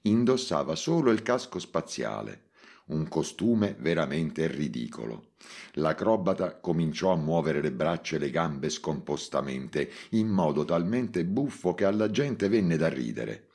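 A man reading a short story aloud in a measured, dramatic way. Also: extremely low pitch, big pitch swings, vocal fry, a little mellow, husky. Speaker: audiobook reader. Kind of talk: scripted narration.

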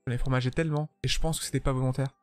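A man's voice: mid-range voice, steady tone, rapid-fire, clean tone, dry recording, soft background music. A tired man chatting casually with his viewers while streaming a game, joking and swearing freely. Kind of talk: casual live-stream commentary while playing.

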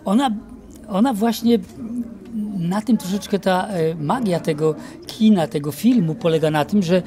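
A man in his sixties, an actor, being interviewed in an outdoor courtyard into a handheld mic, reminiscing with many pauses and fillers. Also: high-pitched, warm tone. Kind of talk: casual interview. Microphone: handheld mic held by interviewer.

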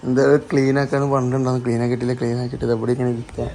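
A man's voice: mid-range voice, little pitch movement, racing, warm tone. A man with a Malabar Malayalam accent chats casually as a travel vlogger, mixing in English words and repeating exclamatory slang. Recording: noisy handheld vlog with background ambience.

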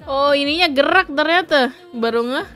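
Chatty woman streamer, kinda high voice, giggly and teasing, soft music going behind her. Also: moderate pace. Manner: chatty, giggly, reads chat aloud; playful, teasing, mixes in English. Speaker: livestream host. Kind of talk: casual chat.

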